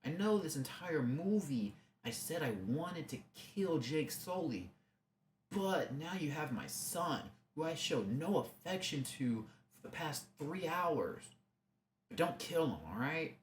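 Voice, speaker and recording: A man voicing a gruff male military villain as a sarcastic parody, pleading in a rushed way, in an echoey room. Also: fairly high pitch, expressive, a little hiss or hum, voice pushed up. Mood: mock pleading.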